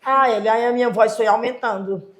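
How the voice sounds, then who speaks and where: A woman, her voice pitched a little high, tells her testimony loudly and with animation. She keeps checking that her listener is following. The room around her rings with a noticeable echo. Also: a little fast. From Fortaleza, Brazil. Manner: loud voice, keeps checking in with "certo?". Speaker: guest, evangelical clothing seller.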